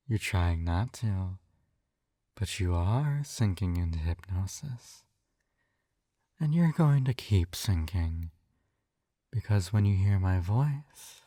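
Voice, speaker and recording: In an intimate ASMR roleplay, a man plays a possessive, smugly tender hypnotist holding the listener captive, coaxing and teasing in a soft, hushed voice that slips into whispers. His voice is lowish, and the clean studio sound has no echo.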